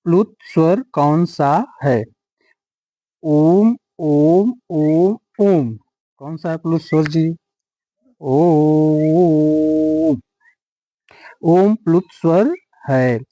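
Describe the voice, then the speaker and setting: A man with a fairly high voice, teaching an exam-prep grammar lesson. He asks each question more than once, then answers it with drawn-out, stressed words. His voice sounds close and dry, with no room echo. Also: expressive, dark tone. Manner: repeats questions and answers, drawing out words for emphasis.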